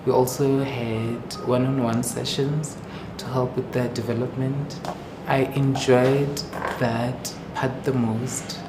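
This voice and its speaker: A man's voice: medium pitch, flat delivery, takes it slowly. A man describing workshops in a documentary interview. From Diepsloot, South Africa. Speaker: youth filmmaker in the program. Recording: echoey room with clear ambient noise.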